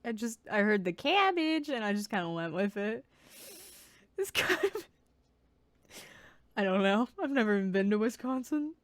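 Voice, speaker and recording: A woman's voice: medium pitch, expressive, a little fast, few pauses, no echo. A woman from the East Coast of the United States streaming a video game, chatty and giggly, commenting casually at a home desk microphone. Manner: chatty and giggly, self-deprecating. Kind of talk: casual live-stream commentary while reading a game aloud.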